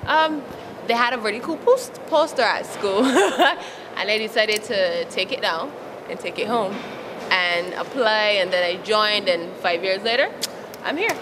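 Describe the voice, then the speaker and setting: A woman's voice: mid-range voice, measured pace. Frank young Barbadian woman outdoors. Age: young adult. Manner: frank and lively, laughs often. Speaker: interviewee, youth advocate. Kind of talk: casual interview answers. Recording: outdoor recording with traffic noise.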